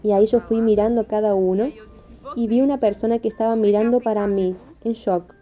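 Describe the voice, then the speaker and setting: Woman preaching in a dark, mellow voice. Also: fairly high pitch, fairly even intonation, a little fast, lo-fi sound. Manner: earnest storytelling, acts out dialogue. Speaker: preacher giving testimony. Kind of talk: spoken testimony of a vision. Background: faint music.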